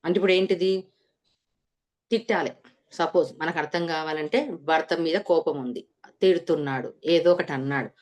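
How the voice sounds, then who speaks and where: A woman's voice: low voice, moderate pace, long pauses, a little mellow. A woman teaching a scripture lesson, explaining each verse and posing rhetorical questions to her listeners. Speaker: spiritual teacher.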